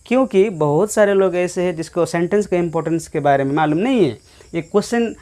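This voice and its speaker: A man's voice: high-pitched, a little fast, a little mellow. A man teaching an English grammar lesson, explaining in Hindi mixed with English and asking his listeners rhetorical questions. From India. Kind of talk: grammar lecture.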